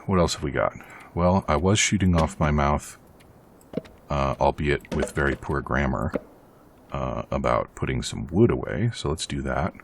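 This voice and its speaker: A man with a very deep, gravelly voice chats his way through a survival game as host of his own let's play. He rambles and pokes fun at himself as he plays. A faint hiss sits under the recording. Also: moderate pace. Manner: chatty, rambling, self-deprecating. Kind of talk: casual game commentary.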